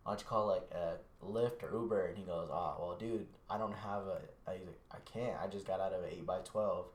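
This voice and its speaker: A young man on a podcast casually telling a long story, swearing freely and acting out the other people's lines in a lower mumble. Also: brisk. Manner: relaxed, swearing, acts out quotes in a low mumble. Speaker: podcast host. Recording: echoey room.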